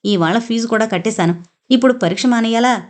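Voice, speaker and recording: A woman's voice: on the high side, fairly quick, natural voice. A woman voicing a stubborn, proud schoolgirl who argues angrily and then pleads in tears, in an audio novel. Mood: indignant. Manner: indignant, pleading, read aloud.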